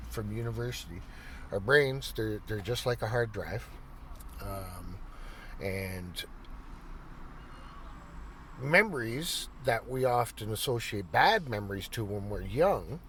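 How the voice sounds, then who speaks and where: A man's voice: on the low side, fairly bright tone, a little hiss or hum. A middle-aged man telling stories in a casual chat, laughing often and swearing casually. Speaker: vlogger. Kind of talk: casual storytelling.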